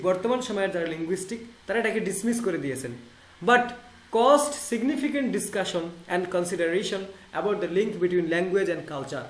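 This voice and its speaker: A Bangladeshi man with a high voice teaches linguistics online, repeating key terms and glossing English words in Bengali. He sounds like he's in an echoey room. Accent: Bangladeshi Bengali, Rangpur. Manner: reads English text slowly and deliberately. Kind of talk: online lecture.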